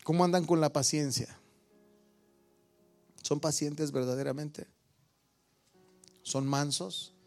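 A middle-aged Mexican-accented pastor preaches to a congregation, his slightly high voice crackling with gravelly fry. He keeps asking the room question after question and calls on people by name. Soft music plays faintly behind him. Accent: Mexican Spanish. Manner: asks the congregation many questions, teases listeners by name. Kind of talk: sermon. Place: church with a congregation.

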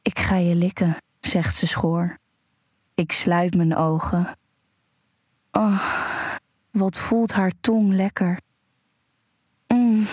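A woman narrating a first-person erotic audio story in a slow, breathy, sensual way, with soft moans between sentences. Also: lowish voice, no echo, clean studio sound.

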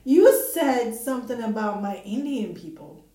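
A woman's voice: fairly high pitch, expressive, moderate pace, dark tone. A young woman, tipsy and giggling nonstop, chatting rowdily with a friend. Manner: giggly, rowdy, laughs constantly. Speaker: friend being filmed. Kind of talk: casual chat. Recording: echoey room.

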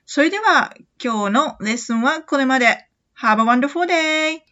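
A woman teaching English phrases in a gentle, encouraging manner, explaining them and then reading examples slowly for the listener to repeat. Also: sits high, animated. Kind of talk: English lesson podcast. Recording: somewhat dull, lo-fi audio.

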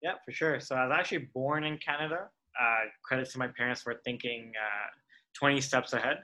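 A man in his late twenties, raised in Tanzania, speaking as a podcast guest in a relaxed way with frequent "uh" pauses. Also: medium pitch, poor audio. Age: late 20s. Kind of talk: casual interview.

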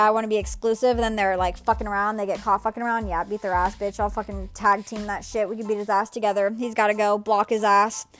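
A young woman in her twenties ranting bluntly and profanely about dating, exasperated and direct. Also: a little high. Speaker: podcast host. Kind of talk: blunt relationship rant.

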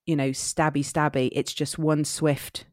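A woman from Somerset with a West Country accent co-hosts a film podcast, chatting casually and bluntly about movies and swearing now and then. Her voice is low and level, a little slow, recorded with studio quality and no echo.

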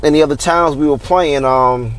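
Animated man, coach hosting a podcast. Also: a little high, normal speed. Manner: animated, repeats and restarts words often. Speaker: podcast host and youth football coach. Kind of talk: casual sports chat.

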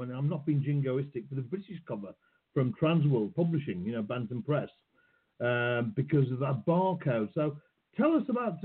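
A man hosting an interview, asking questions in a halting, hesitant way, heard over a phone-like call line. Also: on the high side. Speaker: podcast host. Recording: husky voice on tinny phone-like call.

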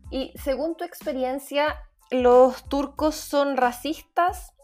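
Woman host asking questions, slightly high voice, halting delivery. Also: steady tone, a little mellow, faint music behind. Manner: asks questions with hesitant fillers. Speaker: interviewer. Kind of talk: interview questions.

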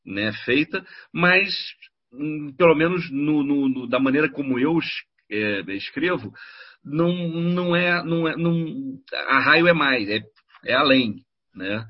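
A middle-aged Brazilian man in a casual podcast conversation, telling stories in an animated, rambling way with many restarts. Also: fairly high pitch, unhurried, dull audio. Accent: Brazilian Portuguese. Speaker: comics critic and writer.

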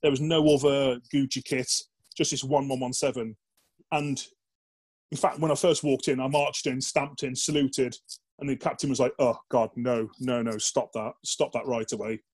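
A man's voice: medium pitch, fairly even intonation, moderate pace, darkish tone. A man with a mid-range voice tells army stories in an easygoing interview. His talk is blokey and loose, full of "like" and casual swearing. He keeps slipping into the voices of the people he is quoting. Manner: chatty and blokey, peppered with "like" and swearing, acts out quoted dialogue. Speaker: guest, former soldier. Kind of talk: casual anecdote telling in a podcast interview.

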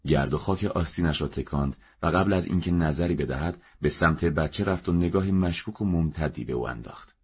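Very deep husky male narrator. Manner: steady measured reading. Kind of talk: audiobook narration. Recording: dull lo-fi recording.

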